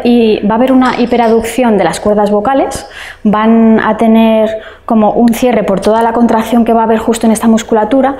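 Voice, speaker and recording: Woman speech therapist teaching a class, mellow kinda higher voice, lots of fillers and checking in with the students. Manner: explanatory, many fillers and checks with the audience. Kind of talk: online lecture.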